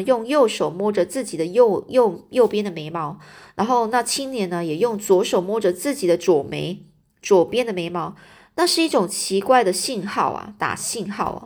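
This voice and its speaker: Chatty storyteller woman. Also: mid-range voice. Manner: chatty, halting, repeats and explains words. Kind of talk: casual read-aloud storytelling with explanations.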